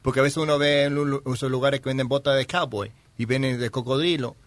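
A man with a medium-pitched voice in casual chat. He repeats words hesitantly and switches between two languages mid-thought. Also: fairly even intonation, fast talker, no room sound.

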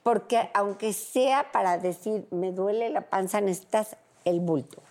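Señora mexicana mediana edad, habla directo y cuenta anécdotas actuando las voces. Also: female voice, mid-range voice, unhurried. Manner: brash, animated, acts out dialogue. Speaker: panel guest. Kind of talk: casual panel chat, storytelling.

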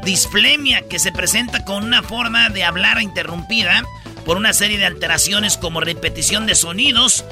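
A man's voice: high voice, normal speed, over music. A Mexican man hosting a radio comedy show, telling stutter jokes and faking the stammer. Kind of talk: joking radio banter.

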